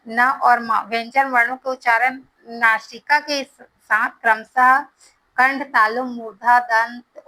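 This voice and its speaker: A woman's voice: high voice, bright, forceful tone, poor audio. A woman teaching a Hindi grammar lesson, explaining each point step by step.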